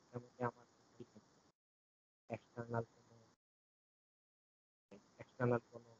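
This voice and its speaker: A man's voice: medium pitch, a little mellow, dull audio. A male university lecturer teaching an online class. He explains step by step and asks students to confirm, while his call audio keeps breaking up and fading. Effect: internet call audio breaking up and fading. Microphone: video call.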